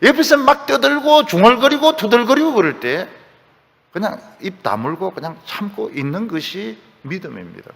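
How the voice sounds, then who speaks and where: A man's voice: high voice, expressive, normal speed, vocal fry, a bit bright, long reverb tail. A man preaching a sermon as pastor, emphatic, with rhetorical questions and acted-out quotes. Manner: acts out quoted voices. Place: church sanctuary.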